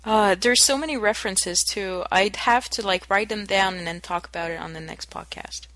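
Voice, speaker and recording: A woman co-hosting a casual gaming podcast, laughing often and quoting game lines in a flat voice. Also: medium pitch, moderate pace, no room sound. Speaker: podcast co-host. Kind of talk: casual chat.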